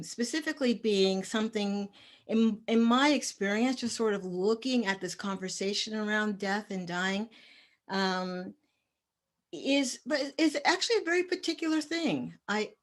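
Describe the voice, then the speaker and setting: Passionate woman with a trembling voice. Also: medium pitch. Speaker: panelist. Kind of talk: panel discussion.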